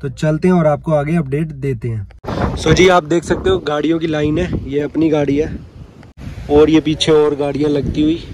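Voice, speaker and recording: Chatting with viewers as he films a road trip outdoors and around a rest house, this man narrates a handheld travel vlog at a normal speed. His fairly even, higher-pitched voice comes with background noise, and "so ji" and "dekh sakte ho" crop up again and again.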